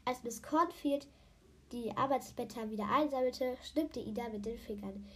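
Slightly husky woman reading a storybook aloud. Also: a little high, moderate pace. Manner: stumbles over words and corrects herself. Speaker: podcast host reading a book aloud. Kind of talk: reading a children's book aloud.

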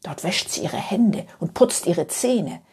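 Lady reading a bedtime story, super slow and lulling, half whispering, mellow and really breathy. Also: fairly low pitch, animated. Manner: soft, half-whispered, with repetitive lulling phrasing.

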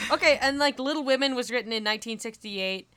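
A woman's voice: a little high, brisk, fairly bright tone, smooth. Blunt, sarcastic young woman co-host. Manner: blunt, sarcastic, swears freely. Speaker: podcast co-host. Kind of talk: casual book-club chat. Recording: remote call audio.

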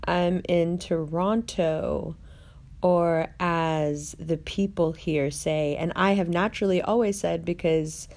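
A woman hosting a casual online video, chatting to viewers with rolled R's and deliberate pauses in an opinionated, conversational way. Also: on the low side, steady tone, darkish tone. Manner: rolls her R's. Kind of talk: casual chat, talking to viewers.

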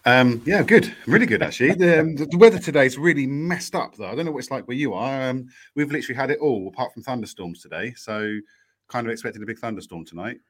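A man's voice: medium pitch, lively intonation, fast talker, a bit bright. Laid-back man on a podcast. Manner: laid-back, crude humour. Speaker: podcast co-host. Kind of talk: casual chat. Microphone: desk USB microphone.

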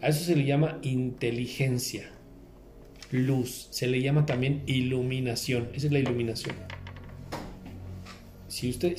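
A man's voice: medium pitch, darkish tone. Earnest man teaching in echoey room. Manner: earnest, repeats key phrases. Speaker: spiritual speaker. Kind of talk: motivational talk to a group.

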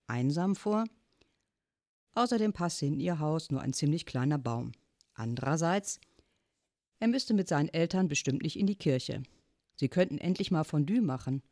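A woman reading a children's chapter book aloud in a calm storytelling manner. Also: sits low, no echo, clean studio sound. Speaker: audiobook reader. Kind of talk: scripted story narration.

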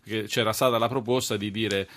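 Man, fairly low voice, radio commentary, unscripted, halting with repeated phrases. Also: steady tone, fairly bright tone.

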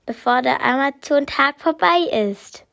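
A woman's voice: sits high, a little slow, creaky, fairly bright tone, exaggerated voice. A woman voicing an impatient eight-year-old girl who pleads and whines in a storybook reading. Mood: eager. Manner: pleading, eager, whiny when disappointed.

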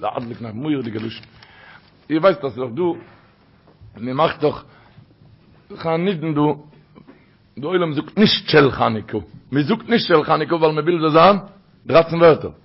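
Male preacher, storytelling sermon; husky, raspy, high-pitched voice. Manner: drops low and soft for narration, then rises sharply into acted quotes. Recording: dull lo-fi recording.

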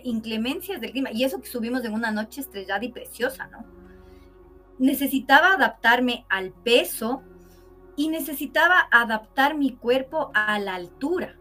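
A woman, telling a story as a guest in a conversational interview, animated and acting out quoted voices with exclamations. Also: on the high side.

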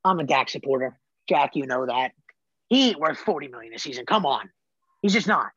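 A man's voice: mid-range voice, expressive, brisk, fairly bright tone, breathy edge, no room sound, dull audio. A man co-hosting a sports talk show, emphatic and opinionated, making bold predictions. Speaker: co-host.

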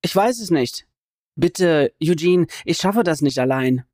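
A woman reading an audiobook, voicing a shaken grown man whose voice breaks as he speaks haltingly. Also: low voice, animated, mellow, no room sound, studio quality, pitched above the performer's own voice. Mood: pleading. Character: shaken grown man, grief-stricken neighbour.

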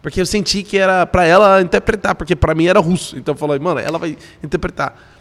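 Young man, podcast guest, animated storyteller, somewhat high voice, long reverb. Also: fast. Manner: animated, acts out voices in stories. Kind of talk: casual storytelling.

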